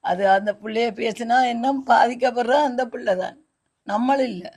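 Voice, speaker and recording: A woman's voice: on the high side, normal speed, a little mellow, husky. A middle-aged woman with a Sri Lankan Tamil accent, a mother earnestly and plaintively describing her family's hardship at home. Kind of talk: emotional personal account.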